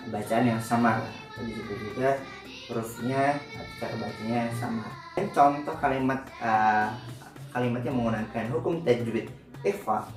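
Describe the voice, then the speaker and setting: Male religious-reading teacher, patient explainer who corrects himself often; faint music behind, recorded off-mic. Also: medium pitch. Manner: patient step-by-step explaining with frequent self-corrections. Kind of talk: recorded classroom lesson. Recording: roomy echo, distant from the mic, faint music.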